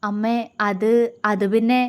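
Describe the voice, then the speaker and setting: A woman's voice: sits high, natural voice. Woman doing a shy stammering girl. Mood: hesitant. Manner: stammering, halting. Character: shy, innocent young woman, hesitant.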